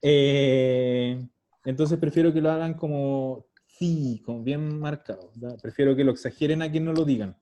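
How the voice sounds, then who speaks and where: A man's voice: mid-range voice, moderate pace, warm tone. A man teaching an online language lesson, patiently explaining and repeating words over a video call. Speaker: Italian teacher.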